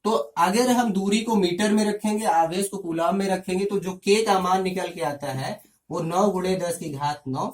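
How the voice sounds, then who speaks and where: A man teaching a physics lesson step by step, often pausing to check in with his students. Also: sits high, far from the mic. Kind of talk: classroom lecture.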